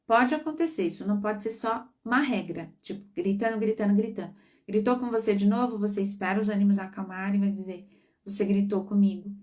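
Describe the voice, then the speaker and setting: A woman psychologist gives parents advice on a live stream, speaking quickly at medium pitch from a distant mic. She coaches warmly and checks that listeners are following.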